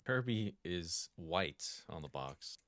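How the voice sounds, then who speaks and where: A man's voice: low-pitched, lively intonation, slow, background noise. A man chatting as a guest on a podcast quiz, easygoing and chuckling. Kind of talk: casual podcast chat.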